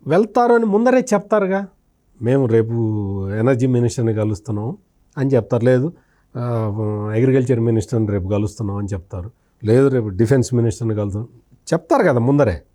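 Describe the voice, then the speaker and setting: A journalist gives emphatic, explanatory political analysis in an interview, posing and answering his own questions and repeating phrases. His medium-pitched voice is animated and dark, and he talks fast with frequent pauses.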